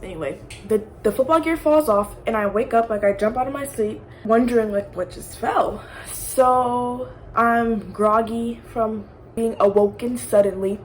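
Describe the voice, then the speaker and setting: A woman's voice: on the high side, measured pace, slight background noise, low-quality recording. A young woman casually telling a personal ghost story, rambling with lots of fillers and asides.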